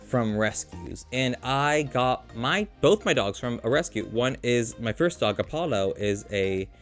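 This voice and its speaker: A man talks to the camera in a loose, rambling vlog monologue. His voice sits in an ordinary middle register. He keeps breaking off and restarting his sentences as he works through a personal, emotional story, with soft music playing faintly underneath. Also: mid-range voice, expressive, measured pace. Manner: rambling, self-interrupting, emotional. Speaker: vlogger.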